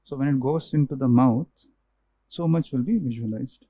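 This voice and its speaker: A man's voice: mid-range voice, moderate pace, no echo, dull audio. A man, an ENT doctor, patiently explaining causes and tests to a patient, often restarting and repeating himself.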